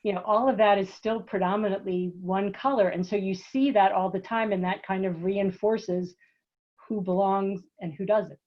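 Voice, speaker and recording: A woman's voice: medium pitch, steady tone, moderate pace. A woman taking part in a book discussion over a video call, talking thoughtfully with conversational fillers. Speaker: participant. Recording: muffled video call audio.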